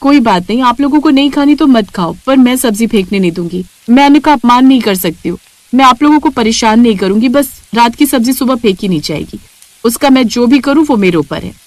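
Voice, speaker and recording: A woman voicing a gentle but firm young bride in a cartoon, speaking earnestly. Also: a little high, expressive, fairly quick, dry recording, lightly acted.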